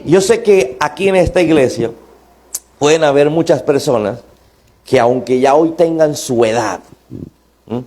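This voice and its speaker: High-pitched impassioned pastor. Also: male voice, unhurried, pauses often. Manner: impassioned, rising to near shouts. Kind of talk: sermon.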